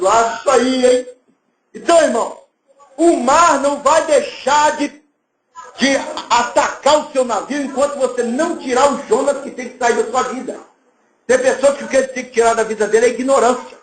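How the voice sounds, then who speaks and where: Male Brazilian pastor, high lively voice, roomy church sound. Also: a little fast, a little hiss or hum. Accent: Brazilian Portuguese. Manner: lively preaching, acts out little scenes and voices. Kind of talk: sermon.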